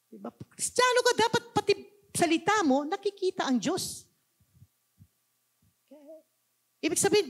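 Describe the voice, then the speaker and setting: A woman pastor with a Filipino accent preaching a sermon, switching between languages and asking the congregation questions. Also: sits high. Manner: mixes two languages, asks the congregation questions.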